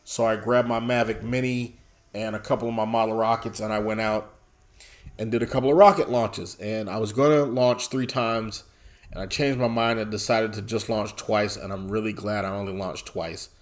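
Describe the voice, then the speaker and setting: A man's voice: fairly low pitch, fairly even intonation, moderate pace. Nasal, stuffed-up man vlogging. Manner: self-deprecating and chatty. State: stuffed up from a sinus infection. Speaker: vlog host. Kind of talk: casual vlog chat.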